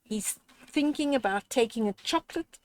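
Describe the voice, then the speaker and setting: An older woman with a slightly high voice reads a children's story aloud expressively and in a gently instructive way. She speaks directly to the child listening, pausing deliberately, and the audio quality is poor.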